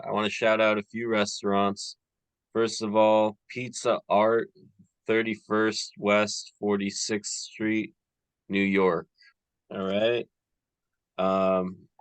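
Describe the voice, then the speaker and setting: Deep-voiced guy hosting a podcast, slow easygoing talk, lots of ums, smooth dry sound. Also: dry recording. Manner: relaxed, rambling, many fillers. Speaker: podcast host. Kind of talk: casual podcast chat.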